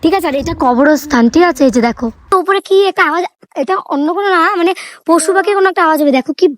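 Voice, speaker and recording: A woman vlogging casually outdoors on a hillside, chatting excitedly to her viewers through a phone camera. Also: extremely high pitch, racing, no echo. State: out of breath on a climb. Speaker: travel vlogger. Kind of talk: casual travel vlog.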